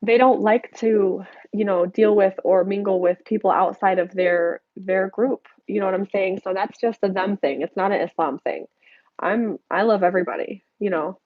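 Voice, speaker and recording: A woman's voice: medium pitch, moderate pace, no room sound, narrow, tinny audio. Congested, nasal young woman chatting live. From United States. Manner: chatty and candid, reads out comments. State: congested from allergies. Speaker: YouTuber answering viewer questions. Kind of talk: casual live-stream Q&A. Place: home desk.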